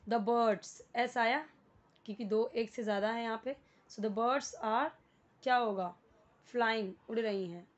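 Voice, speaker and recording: A woman's voice: a little high, fairly even intonation, normal speed, dull audio. A woman with an Indian accent teaching beginner English, explaining a worksheet patiently and spelling words out letter by letter.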